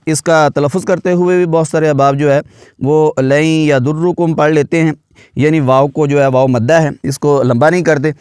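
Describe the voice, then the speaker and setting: A man teaching Quran recitation rules who explains patiently and then chants the verses slowly and drawn out. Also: on the high side, darkish tone, clear, resonant tone, dry recording, clean studio sound. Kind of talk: tajweed lesson with chanted recitation.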